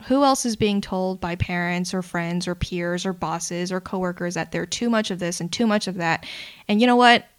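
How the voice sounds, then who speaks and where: A woman's voice: lowish voice, smooth. A woman hosting her own podcast, talking candidly and outspokenly in a solo intro monologue, swearing freely and dropping in "you know" and "like" as she goes. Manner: mixes fillers like "you know" and "like" into fast talk. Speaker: podcast host.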